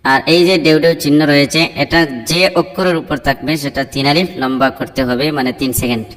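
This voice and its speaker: In a large hall, a man teaches Quran recitation, chanting verses slowly and drawn out before spelling out letters and explaining them. His voice is medium-pitched with a fairly bright tone.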